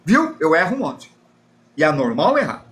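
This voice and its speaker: A man's voice: a little high, wildly swooping pitch, normal speed, a bit bright. A Brazilian man teaching a live drawing class, chatty and self-deprecating as he explains while drawing and answers chat. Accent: Brazilian Portuguese.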